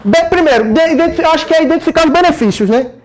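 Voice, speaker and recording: A man's voice: very high voice, very fast. A Brazilian man talking casually and energetically about how he prepares himself, with frequent tag questions and slang. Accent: Brazilian Portuguese. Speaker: course participant sharing his method. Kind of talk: casual explanatory talk.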